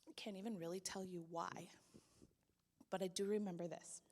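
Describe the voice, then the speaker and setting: A young adult woman with a lowish voice and fairly even intonation speaks at a normal speed as she shares a personal testimony in a church hall. She tells her story by voicing the people in it, growing loud and pleading. Long hall reverb colors the recording.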